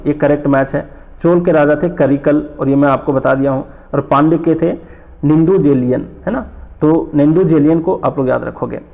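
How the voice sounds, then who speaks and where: A man from North India teaching an exam-prep lesson, explaining slowly, repeating terms and asking rhetorical questions. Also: on the high side, gravelly, narrow, tinny audio.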